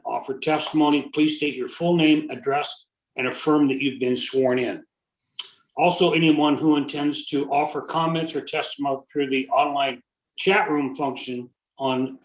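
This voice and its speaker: A man chairing a formal public meeting, reading out procedure and oaths in a rote, official manner. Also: fairly high pitch. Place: remote video meeting. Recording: roomy, echoing sound.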